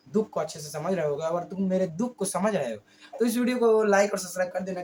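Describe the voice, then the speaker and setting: Hoarse young-sounding man, slow motivational talk. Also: high-pitched, a little hiss or hum. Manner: talks slowly on purpose, with frequent slips and self-corrections. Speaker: YouTube creator. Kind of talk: casual motivational monologue.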